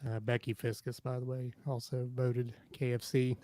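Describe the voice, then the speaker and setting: A man's voice: medium pitch, completely flat delivery, normal speed, warm tone, dry recording. A man co-hosting a podcast, laughing often and reading out listener votes in casual chat.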